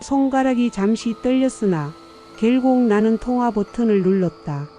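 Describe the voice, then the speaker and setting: An older woman narrating a first-person audiobook story in a measured, somber way. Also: fairly high pitch, dark tone, soft background music.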